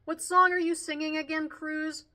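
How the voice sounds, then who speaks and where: A woman voicing a tall, kind male Spanish teacher who speaks gently and encouragingly. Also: high voice, level tone, normal speed, voice pushed up. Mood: gentle.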